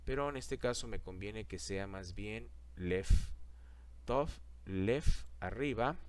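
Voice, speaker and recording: A man's voice: on the low side, takes it slowly. Guy teaching a class, walks you through every click, says it all twice. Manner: repeats steps, talks the class through each click. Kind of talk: screen-recorded software lesson.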